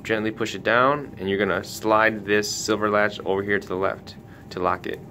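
With a steady tone at normal speed, a retailer's tutorial host talks through a product casually and hands-on, giving careful step-by-step directions. His voice sounds pushed and bright. There's noticeable background noise in the clip, including a low rumble.

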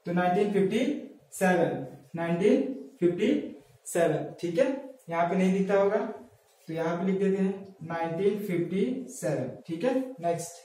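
A high-pitched man teaches a lesson on memory tricks, repeatedly posing questions, answering them himself and repeating each key word. His warm voice moves at a moderate pace, captured from a distant mic in a very echoey room.

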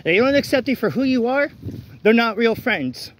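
High-voiced man ranting on a rainy night walk. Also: animated, moderate pace, slight background noise. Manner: blunt, ranting, with frequent laughs and restarts. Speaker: vlogger. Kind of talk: walk-and-talk vlog rant. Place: outdoors on a wet city street at night in the rain. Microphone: phone held while walking.

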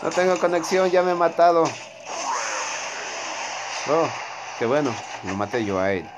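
A man's voice: on the high side, big pitch swings, a little slow, background noise. A man giving casual, rambling commentary to his viewers while he plays a game. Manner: chatty, rambling, talks to viewers while playing. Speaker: gaming streamer.

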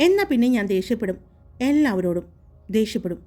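A woman voicing a hot-tempered young man, a blunt, protective boss, in a firm, teasing, lower-pitched delivery for a romance audiobook. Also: very animated, a little fast, darkish tone.

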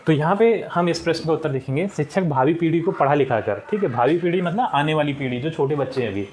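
Man, schoolteacher, patient, repeats answers, fairly high voice, faint hiss behind. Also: expressive, fast talker, a little mellow. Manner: patient, repeats answers, frequent "theek hai". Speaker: teacher. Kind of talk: explaining a textbook lesson.

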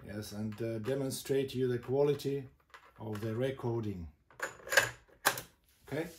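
A man giving an informal, step-by-step product demonstration as a host, speaking haltingly in short phrases. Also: medium pitch. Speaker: host demonstrating vintage boomboxes. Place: indoor room with a table of boomboxes. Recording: echoey room, loud noise, mechanical clicks.

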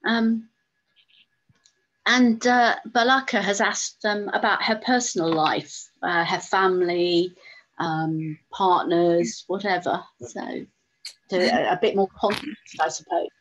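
A woman's voice: mid-range voice, steady tone, slow pace. A woman hosting an online talk, reading out audience questions and adding her own loose, reflective remarks. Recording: dull, lo-fi sound.

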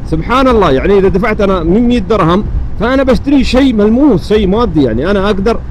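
Emirati man, motovlogger, higher-pitched voice, rapid earnest delivery with repeated phrases, recorded outdoors on a motorbike. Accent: Emirati Gulf Arabic. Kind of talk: casual religious reflection while riding. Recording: steady vehicle and traffic noise.

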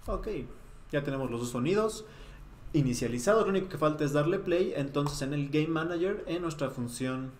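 A young programming tutor records a screen-capture coding lesson at a desk in a small room with a webcam, talking through each step and thinking aloud as he types. He sounds relaxed, with a voice on the high side at normal speed. The audio has a roomy echo and faint noise.

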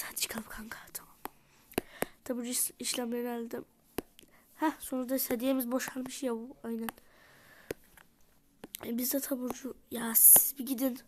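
A woman in whispered role-play, voicing dolls in a game and switching between character voices, often softly whispering. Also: a little high, noisy background. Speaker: YouTuber voicing dolls in a life-sim game.

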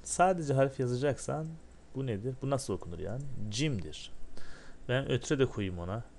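A man's voice: mid-range voice, expressive, normal speed, vocal fry, darkish tone, slight background noise. A man teaching beginners a language lesson step by step, asking himself questions and answering them, and drilling syllables one by one. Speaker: Arabic teacher.

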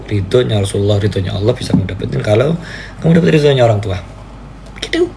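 A man preaching and chatting on a live stream, playfully pleading and jumping into squeaky high cries, with a faint hiss behind him. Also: lively intonation, fast, vocal fry. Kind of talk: casual live-stream chat.

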